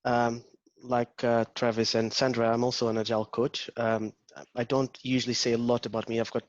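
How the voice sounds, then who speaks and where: Over a video call, a Portuguese-accented man leads an interactive online workshop as an agile coach. His mid-range voice is flat and a little fast, captured dry and lo-fi, and he hesitates often with ums and restarts.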